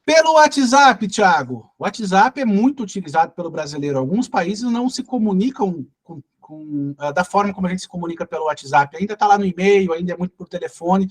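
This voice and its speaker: Brazilian male sales trainer, high voice for a man, coaching tone, constant tag questions. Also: lively intonation, fairly quick, few pauses, a little mellow, breathy edge. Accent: Brazilian Portuguese. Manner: peppers speech with tag questions; coaching, direct address to learners. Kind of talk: recorded training lesson.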